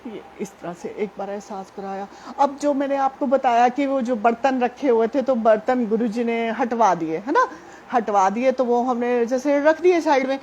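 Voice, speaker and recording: A woman's voice: a little high, normal speed, a little mellow, muffled recording, slight background noise. A woman gives a devotional testimony, telling her story earnestly and speaking directly to her listeners. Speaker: devotee sharing a personal testimony.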